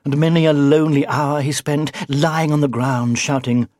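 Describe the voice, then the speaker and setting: A storyteller reading a children's tale aloud in an expressive way, dropping into whispers for effect. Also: medium pitch, moderate pace, no room sound, studio quality. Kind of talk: storybook narration.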